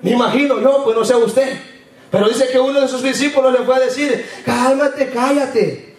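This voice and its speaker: A man preaching a sermon in a church, impassioned and repetitive, his voice rising into shouts. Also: very high voice, fairly even intonation, brisk. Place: church hall. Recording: echoey hall from far off.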